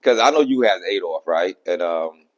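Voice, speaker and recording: A man's voice: low-pitched, lively intonation, moderate pace. A man hosting a podcast, asking questions conversationally and backing the guest with short "mm-hmm" cues. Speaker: podcast host. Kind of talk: casual interview chat.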